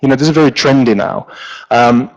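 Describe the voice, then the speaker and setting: A man speaks from a stage in a large auditorium, his pitch in an ordinary middle range. He presents like a lighting designer at a conference, easygoing and joking, with plenty of ums and restarts. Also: fairly quick, dull audio. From Finland. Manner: relaxed, joking, with frequent fillers.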